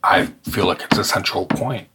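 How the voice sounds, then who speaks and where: A man's voice: low-pitched, normal speed, background noise. A man from northern Michigan co-hosting a podcast, talking things through in long, thoughtful, hesitant sentences. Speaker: podcast co-host. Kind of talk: casual discussion.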